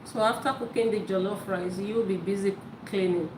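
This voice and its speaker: The host of a live cooking stream, a woman whose first language is Yoruba, chats casually while cooking at home, repeating words as she goes. Her voice sits at medium pitch with fairly even intonation and a moderate pace, against echoey, loud kitchen noise.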